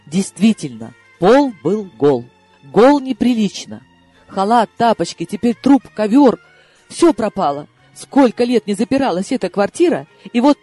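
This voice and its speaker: A man narrates an audiobook with theatrical flair, dropping into hushed asides and then bursting out. His voice sits high and leaps across a wide range. The recording is dry and close, with faint music underneath. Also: no room sound. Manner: theatrical, swinging between hushed asides and excited outbursts. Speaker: audiobook reader.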